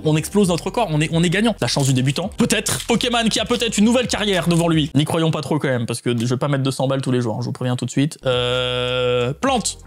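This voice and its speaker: A man with a French accent opening trading card packs on camera, commenting excitedly, swinging between hushed mutters and loud shouts. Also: on the high side.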